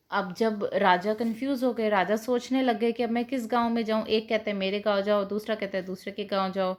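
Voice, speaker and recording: A woman, teaching children by retelling a story and explaining it in simple words. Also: mid-range voice.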